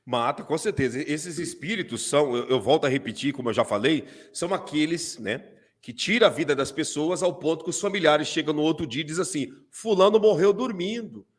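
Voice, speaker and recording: A man with a Brazilian Portuguese accent, a pastor commenting on video clips during a live stream, animated and full of repeated fillers. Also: fairly high pitch, brisk, slightly rough.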